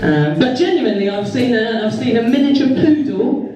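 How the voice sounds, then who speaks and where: A woman's voice: on the high side, lively intonation, normal speed, far from the mic, a crowd in the background. A woman from England doing a stand-up comedy set in a comedy club, wry and self-mocking and swearing freely, with audience laughter behind her. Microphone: stage microphone. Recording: echoey club room, off-mic.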